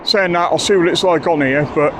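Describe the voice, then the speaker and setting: A man's voice: fairly high pitch, brisk, background noise. A man giving a chatty, enthusiastic bike review outdoors, rambling a little as he talks. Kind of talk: casual video review.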